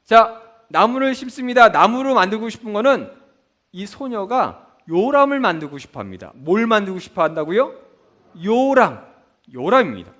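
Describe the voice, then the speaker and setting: Lively high-voiced man teaching a class. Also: normal speed. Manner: asks the class to repeat, then answers himself. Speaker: Bible school teacher. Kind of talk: mnemonic lesson with call-and-response questions.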